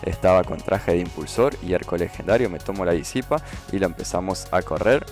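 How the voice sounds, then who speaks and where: A man narrates his gameplay in a relaxed, explanatory way. He keeps pausing to ask "¿sí?" to make sure viewers follow. Faint game music plays underneath. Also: sits low. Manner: explanatory, repeats "¿sí?" to check understanding. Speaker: gaming YouTuber. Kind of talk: casual gameplay commentary.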